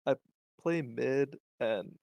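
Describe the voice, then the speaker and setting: A man with a mid-pitched, slightly gravelly voice answers his coach hesitantly, often starting with an um. The sound is dry and close, with no room around it. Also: very slow, darkish tone, dry recording. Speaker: player being coached. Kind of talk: casual coaching call. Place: home at night.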